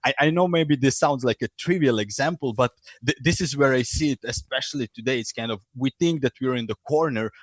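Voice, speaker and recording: Guesting on a podcast interview, a Croatian-accented lean and innovation consultant talks briskly with hardly any pauses, yet keeps stopping for fillers and restarting sentences. His pitch is middling, he voices characters in his stories, and the sound is close and dry with no room tone.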